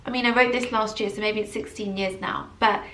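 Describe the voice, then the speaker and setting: An English woman in her early thirties talks to camera in a motivational vlog, casual, animated and emphatic, with repetition. Her medium-pitched voice is a little fast and reverberant, picked up from a distance by the camera mic.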